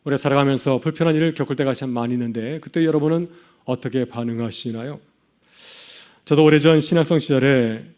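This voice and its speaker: A man's voice: medium pitch, darkish tone. A middle-aged male pastor preaching a sermon, asking the congregation rhetorical questions.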